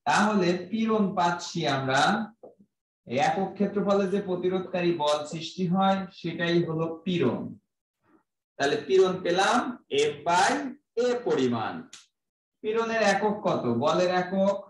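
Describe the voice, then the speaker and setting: A man's voice: sits high, lively intonation, unhurried, reverberant, distant mic, poor audio. A man with a Bangladeshi Bengali accent giving a physics class, explaining step by step, asking his own questions and then answering them. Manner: uses everyday examples. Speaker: physics lecturer. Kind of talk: classroom lecture.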